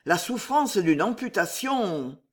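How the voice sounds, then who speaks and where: A woman's voice: medium pitch, very animated, slow pace. A woman reading aloud, voicing an irritated male army surgeon who speaks in a curt, matter-of-fact way. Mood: blunt.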